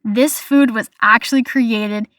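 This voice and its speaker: Young American woman hosting a casual podcast, chatty, trips over foreign words; high-ish voice, dry sound. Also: steady tone, measured pace, fairly bright tone, no echo. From United States. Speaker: podcast host. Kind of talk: casual solo podcast, listing food facts.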